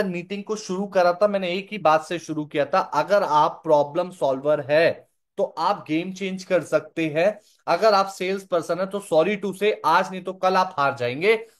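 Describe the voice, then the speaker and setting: A man's voice: high voice, normal speed. A young man giving a live online sales training, repeating his points and checking that listeners follow.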